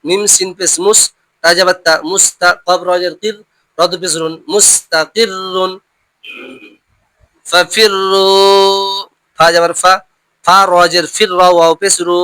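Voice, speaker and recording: A man teaching Quran reading, drilling syllables slowly one by one in a spelling-out lesson with a Bengali accent. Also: sits high, fairly even intonation, bright, forceful tone, no echo. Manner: slow, drawn-out syllable drills.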